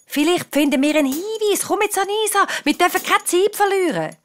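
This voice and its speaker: Eine Frau mit Schweizer Akzent spricht ein aufgeregtes, drängendes Schulmädchen in einem Hörbuch für Kinder. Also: female voice, extremely high pitch, animated, fairly quick, pitched above the performer's own voice. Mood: urgent. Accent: Swiss German. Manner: urgent, pushing the others on. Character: frantic excited schoolgirl, Cheyenne.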